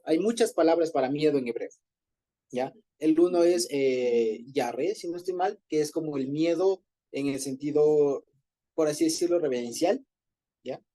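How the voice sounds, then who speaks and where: A man's voice: on the high side, moderate pace, mellow. A man leading an informal group Bible study, explaining Hebrew words in a conversational way and often rephrasing himself.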